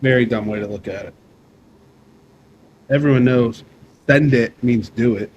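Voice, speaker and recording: A man's voice: medium pitch, unhurried, a little mellow, muffled recording, slight background noise. A man co-hosting a podcast, bantering loosely and swearing in casual chat. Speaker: podcast co-host.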